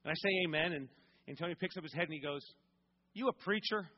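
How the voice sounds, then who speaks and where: High-voiced male pastor preaching. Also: fairly even intonation, rapid-fire, a little hiss or hum. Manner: builds to emphatic, rising questions. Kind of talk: sermon storytelling. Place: church sanctuary. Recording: dull recording with long hall reverb.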